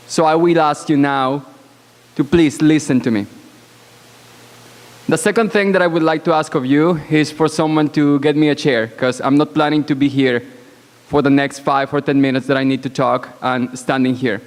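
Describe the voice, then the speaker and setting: At a conference in a banquet hall, a woman born outside Canada addresses the room as a panelist through a podium microphone. Her voice is extremely low in pitch and loud, and she speaks in a blunt, assertive, deliberate way with pauses. A long hall reverb trails her words.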